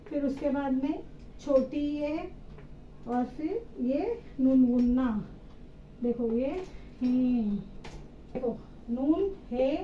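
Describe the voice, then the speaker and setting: A high-voiced woman teaching a children's reading lesson at an unhurried pace, spelling out each letter in turn. She asks a question and then answers it herself. The recording sounds roomy and a little dull, with faint ambience behind her. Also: a little hiss or hum.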